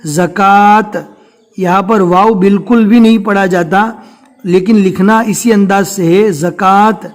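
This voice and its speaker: High-voiced patient Urdu reading teacher, man. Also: steady tone, darkish tone. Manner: patient, explains slowly, repeats each word drawn out. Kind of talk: step-by-step reading lesson.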